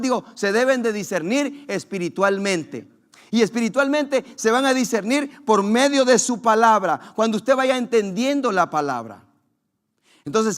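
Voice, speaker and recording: A man preaching in with a noticeably high voice. He builds his sermon on rhetorical questions and bursts of fervor, acting out the scripture he quotes. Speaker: pastor.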